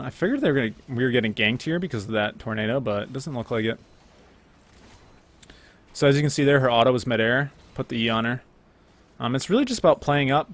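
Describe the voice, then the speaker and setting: Commenting on footage of his own gameplay, this young man stays chatty and relaxed, with lots of fillers and self-corrections. His voice sits in the mid range.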